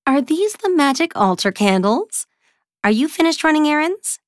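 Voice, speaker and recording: A woman voicing a cold undead young woman who scolds and teases in a raised, bright voice. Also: sits high, very animated, no room sound, clean studio sound, voice pushed up. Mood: scolding. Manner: scolding, quick, teasing.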